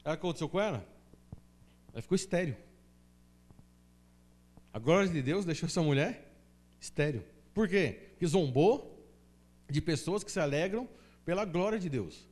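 A man's voice: a little high, expressive, normal speed, long pauses, darkish tone. A Brazilian man preaching a sermon as pastor in a church, emphatic and full of rhetorical questions. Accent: Brazilian Portuguese.

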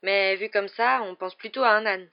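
Reader doing a teen boy musing out loud, wry and slow, dull audiobook. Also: medium pitch, creaky, no room sound, natural voice.

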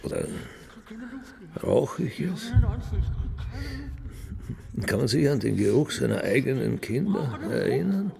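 An actor playing a bitter old father who gives brooding, scornful testimony in a gravelly voice. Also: medium pitch, sing-song, slow pace, pauses often, exaggerated voice. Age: older. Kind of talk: radio play monologue.

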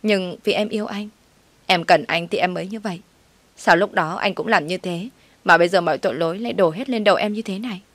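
A woman's voice: fairly low pitch, a little fast, fairly bright tone, dry recording. Woman voicing a desperate, pleading young mistress. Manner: pleading, wailing. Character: desperate young mistress clinging to her lover.

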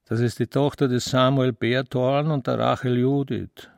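A man's voice: medium pitch, flat delivery, normal speed, gravelly, darkish tone, no room sound, clean studio sound, close to an everyday voice. A man reading the lines of a sardonic male friend in a story, terse and clipped. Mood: curt.

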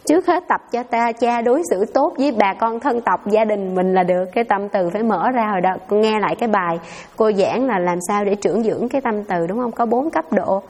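A Buddhist nun answers listeners' questions in a dharma talk. She tells stories conversationally and addresses the audience directly, her pitch sitting in a middle range. Her voice carries a long hall reverb. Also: a little fast, a little mellow.

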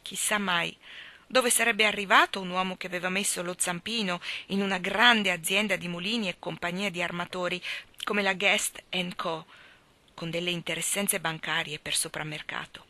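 A woman narrates a classic novel in a measured, expressive way. Her voice is bright and clear, recorded close and dry. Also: on the low side, no room sound. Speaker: audiobook reader. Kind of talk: literary reading.

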